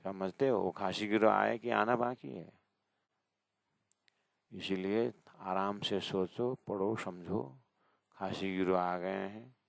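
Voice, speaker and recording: A man giving a devotional discourse as a spiritual teacher, addressing his listeners directly and repeating verses slowly. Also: on the low side, steady tone, creaky, dry recording.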